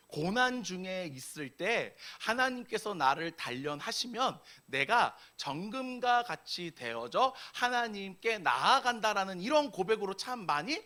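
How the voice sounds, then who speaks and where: A man's voice: high voice, bright, forceful tone. A young man preaching a sermon to a youth service, asking the congregation questions and rising sharply when he voices a complaint. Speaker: pastor. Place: church sanctuary.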